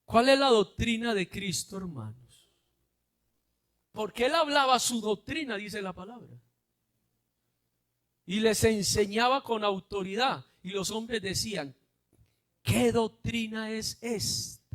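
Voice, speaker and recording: A pastor preaching a sermon to his congregation, asking them questions and often rising to a shout. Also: sits high, slow, pauses often.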